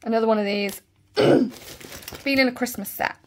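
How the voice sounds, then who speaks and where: A woman with a Bristol accent chatting casually as she unboxes a nail kit and thinks out loud. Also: a little high, measured pace, slight background noise. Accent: Bristol English. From Bristol, England. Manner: chatty, thinking aloud, trailing asides. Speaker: nail vlogger.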